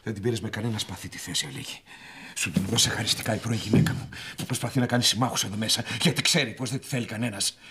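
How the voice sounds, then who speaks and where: An actor playing a middle-aged magazine boss who accuses a colleague of betrayal, furious and shifting from hushed to shouting. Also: male voice, fairly low pitch, heavy background noise, natural voice. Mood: angry. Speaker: magazine owner. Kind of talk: TV soap drama acting.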